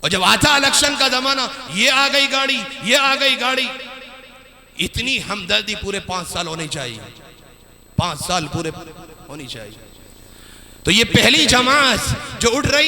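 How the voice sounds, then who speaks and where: A man preaching an impassioned sermon, swinging between loud emphatic bursts and quiet dropped phrases. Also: very high voice. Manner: impassioned preaching, rising and falling sharply. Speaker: Islamic preacher.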